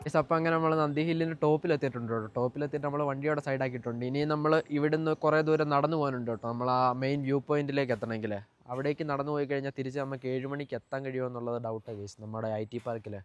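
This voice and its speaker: A man's voice: medium pitch, steady tone, very fast, hardly any pauses, smooth, muffled recording, faint music behind. A young Malayali man chatting casually to viewers in a driving vlog, mixing English words and slang into his speech. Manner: informal, repeatedly addressing viewers. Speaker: vlogger.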